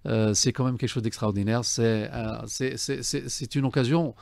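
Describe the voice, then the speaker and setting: A man, a guest in a studio radio interview, formal and enthusiastic, filling pauses with "euh" and "donc". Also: mid-range voice, fairly even intonation, vocal fry, no echo. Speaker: guest, book fair commissioner. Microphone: studio desk mic.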